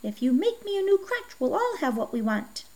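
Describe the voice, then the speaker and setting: A woman doing a creaky, cackling crooked old man. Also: sits high, big pitch swings, moderate pace, darkish tone, voice pushed up. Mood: cryptic. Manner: cryptic, mysterious.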